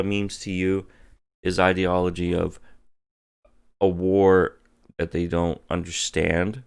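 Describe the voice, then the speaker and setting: Male game reviewer, drunk, very low and fry-heavy, profane, emphatic, stretches out words. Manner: emphatic, theatrical, drawn-out words and repeated phrases.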